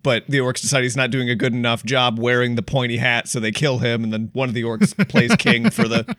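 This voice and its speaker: A young man co-hosting a podcast, brainstorming ideas in an animated way and laughing often. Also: mid-range voice, brisk, no echo, clean studio sound. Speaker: podcast co-host. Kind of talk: casual brainstorming chat.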